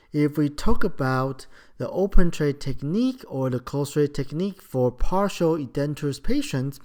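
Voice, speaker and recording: Slow, measured dental lecturer. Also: medium pitch, a little mellow. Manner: measured, explanatory, slightly non-native phrasing. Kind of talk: recorded lecture.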